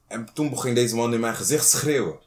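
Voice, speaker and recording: A man's voice: medium pitch, a little fast. A man telling a story in casual chat, laid-back, mixing street slang with English phrases.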